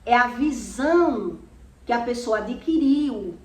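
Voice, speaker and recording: High-voiced woman preaching in an echoey room. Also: expressive, slow pace, darkish tone, distant mic. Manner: emphatic, repetitive, preaching directly to the listener. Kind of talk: spoken sermon.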